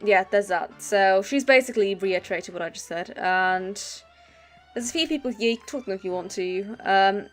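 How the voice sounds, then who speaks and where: Woman gaming host, casual walkthrough talk, mid-pitched, chatty with fillers. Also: moderate pace, soft background music. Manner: casual, explains controls with fillers. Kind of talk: let's play commentary.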